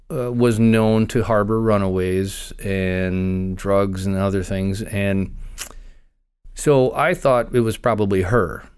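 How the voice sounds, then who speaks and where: A man, a former county investigator, recounting a personal story in an interview with measured pauses. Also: fairly low pitch, a little mellow, clear, resonant tone.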